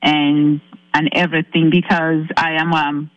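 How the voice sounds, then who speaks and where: Caller woman from Zambia, halting. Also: low-pitched, level tone, no echo, lo-fi sound. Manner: earnest, halting, many restarts. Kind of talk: recounting a personal ordeal on a call-in show.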